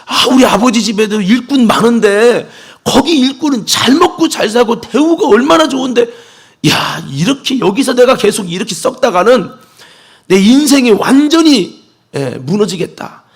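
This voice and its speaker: A man's voice: animated, moderate pace, breathy edge, full character voice. Man playing a sobbing repentant young son. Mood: desperate lament. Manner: sobbing, shouting, high strained voice. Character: remorseful young prodigal son, weeping.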